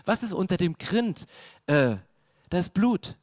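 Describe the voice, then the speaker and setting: High-voiced man preaching emphatically. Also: lively intonation, unhurried, a little mellow, dry recording, clean studio sound. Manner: emphatic, colloquial preaching with slang. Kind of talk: sermon.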